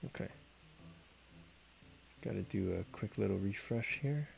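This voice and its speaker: A man's voice: on the low side, a little slow, vocal fry. A man streaming a card game, musing aloud over his moves and answering viewers in chat. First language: not Korean. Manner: talks to himself while playing, reads and answers chat. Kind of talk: casual live-stream commentary while gaming. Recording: music playing behind. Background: background music.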